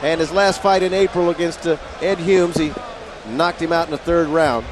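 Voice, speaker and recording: A man's voice: on the high side, fairly even intonation, normal speed, noisy background. A man giving live play-by-play boxing commentary, running through fighters' records and rules. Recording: loud music behind commentary. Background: loud entrance music.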